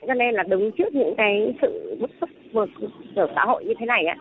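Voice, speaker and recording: Calling in from Vung Tau in southern Vietnam, a woman protester tells her story in an agitated, rambling phone interview. Her voice runs on the high side with lively intonation, and she talks fast. The line sounds tinny, with faint noise.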